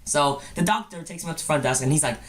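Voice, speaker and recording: Speaking fast and animatedly in a fairly high voice, a young male vlogger shares funny personal stories with silly, exaggerated mock-cute phrasing. There's a little hiss or hum in the recording.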